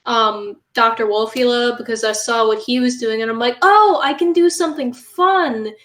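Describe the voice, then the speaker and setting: A woman appears as a guest on a horror host's show, chatting casually and playfully. Her voice sits on the high side, a bit bright, at a moderate pace. The sound is roomy and echoing.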